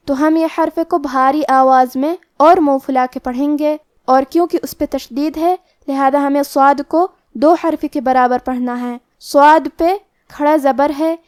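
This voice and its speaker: A woman with a high, light voice explains the rules of Quran recitation. She goes through each step slowly and carefully, like a patient teacher. The sound is dry and close, with no room echo. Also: darkish tone. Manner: slow, careful step-by-step instruction.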